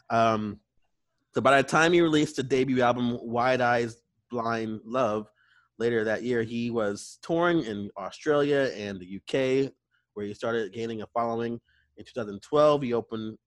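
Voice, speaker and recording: A man's voice: mid-range voice, dry recording. Chatty man reviewing an album, dry sound. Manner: chatty, profane, laughs between remarks. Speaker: album reviewer and show host. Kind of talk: casual music review chat.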